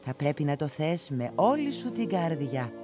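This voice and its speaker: An actress playing a gentle, wise blind grandmother in her old age in a dubbed cartoon, speaking softly and affectionately. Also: low-pitched, big pitch swings, over loud music. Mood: tender. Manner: soft, affectionate. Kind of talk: cartoon dub.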